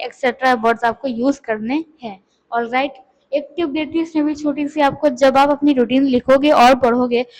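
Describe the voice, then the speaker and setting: A woman teaching English to beginners, explaining in Hindi and reading English lines slowly and carefully. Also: sits high, poor audio. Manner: repeats words and asks questions to the viewer. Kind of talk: lesson.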